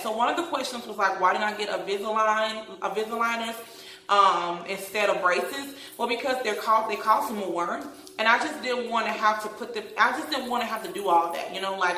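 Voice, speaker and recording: A woman's voice: mid-range voice, sharp tone. A woman in her thirties with a lisp from wearing braces, chatting casually and emphatically to followers in a rambling vlog. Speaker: vlogger. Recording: roomy, echoey home recording.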